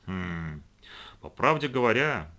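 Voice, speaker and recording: Мужчина изображает хвастливого дядюшку-директора. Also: male voice, lowish voice, big pitch swings, takes it slowly, pushed and bright, exaggerated voice. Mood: flustered mumbling. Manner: bragging, then mumbling. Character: boastful middle-aged male director, uncle, easily flustered.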